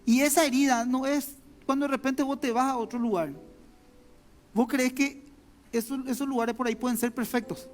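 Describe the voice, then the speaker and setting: A pastor with a Paraguayan Spanish accent speaks in an extremely high-pitched male voice with fairly even intonation and moderate pace. His conversational sermon is full of personal stories, and he often repeats words while addressing the congregation directly. Recorded in a church sanctuary, there is long hall reverb and faint music.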